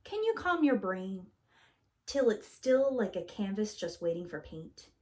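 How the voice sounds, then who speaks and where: Reading a picture book to small children, this female preschool storyteller performs theatrically at a measured pace. She stretches important words and keeps her pitch lively and animated.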